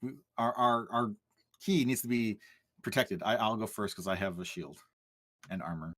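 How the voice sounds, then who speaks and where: A man's voice: fairly low pitch, normal speed, fairly bright tone, no echo, clean studio sound. A man playing a tabletop game over voice chat, joking and talking his plans through aloud. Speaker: player.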